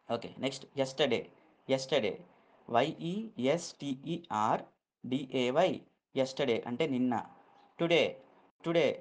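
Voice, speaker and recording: Man, English teacher, slow letter-by-letter spelling, patient check-ins. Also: mid-range voice. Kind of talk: vocabulary lesson, spelling out words.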